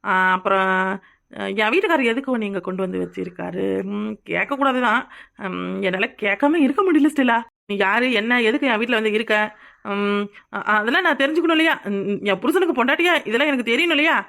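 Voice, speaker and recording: A woman voicing a cartoon role, talking in a gentle, coaxing, consoling way. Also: on the high side, expressive, a little fast, gravelly. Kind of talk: cartoon voice acting.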